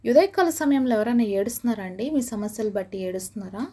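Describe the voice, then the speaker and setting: A woman's voice: a little high, animated, fast, warm tone, husky. A woman giving an earnest devotional sermon, opening with a prayer and asking her listeners many questions. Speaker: preacher.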